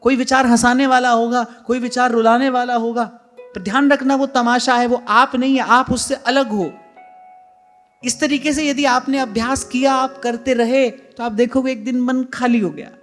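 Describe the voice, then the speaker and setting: A man's voice: extremely high pitch, fairly even intonation, normal speed, fairly bright tone, faint music behind. Earnest man giving a devotional sermon. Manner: earnest, repeats key phrases for emphasis; addresses listeners directly as "brother". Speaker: spiritual teacher. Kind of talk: devotional discourse. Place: ashram hall.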